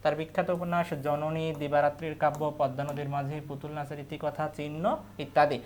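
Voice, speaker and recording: A man's voice: fairly high pitch, little pitch movement, brisk, slight background noise. A man, a teacher giving an exam review lesson, who reads each question aloud and repeats the answer. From Bangladesh.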